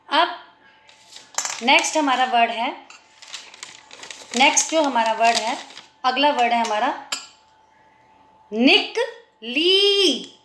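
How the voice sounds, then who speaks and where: A woman with an Indian accent teaching a children's Hindi lesson, stretching out each example word slowly and clearly. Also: high-pitched, bright, forceful tone, reverberant. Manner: slow, drawn-out pronunciation of example words.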